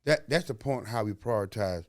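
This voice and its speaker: A Southern-accented man from Alabama, USA, hosts a motivational podcast in a folksy, preachy style packed with slang and rhetorical questions. His voice sits on the low side and sounds animated, moving at a normal speed. The recording is dry and of studio quality.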